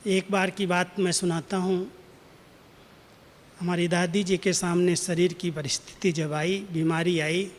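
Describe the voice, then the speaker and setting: A man giving a spiritual class, telling a story gently and acting out the quoted dialogue. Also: high-pitched, flat delivery, measured pace, slight background noise. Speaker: spiritual teacher. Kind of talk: spiritual class talk with anecdote. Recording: long hall reverb.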